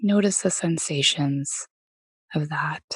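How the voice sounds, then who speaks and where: A meditation teacher leads a body scan at a very slow, unhurried pace, leaving gentle pauses between phrases. Her voice is soft, a little low, and has a breathy edge. The recording is dry and close.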